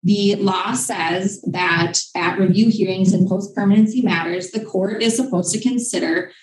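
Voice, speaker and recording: A woman attorney giving a formal, measured oral argument over a remote video call, her audio cutting in and out. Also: medium pitch, a little mellow, roomy sound, distant mic, rough recording. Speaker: attorney arguing an appeal.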